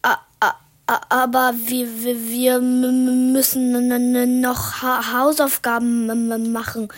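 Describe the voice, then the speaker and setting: A woman's voice: on the high side, level tone, a little slow. A woman voicing a frightened young boy who stutters heavily in a trembling voice. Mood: scared.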